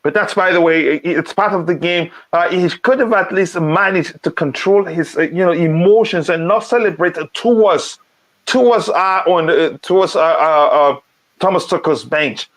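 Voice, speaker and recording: A man who grew up in Nigeria hosts a casual live-stream football talk. His voice sits a little high for a man. He reads chat comments aloud and fills gaps with ums and restarts. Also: moderate pace, a bit bright.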